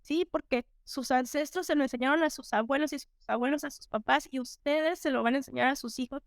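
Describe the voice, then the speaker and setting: A Mexican woman in her thirties, a teacher appearing as an interview guest, speaks in a high voice at a brisk pace. She tells stories reflectively, using many fillers and restarts. The recording is dry and studio quality.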